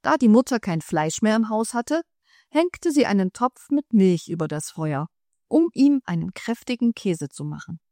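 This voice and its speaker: A woman narrating a fairy tale in calm, measured storytelling. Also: mid-range voice, dry recording, clean studio sound.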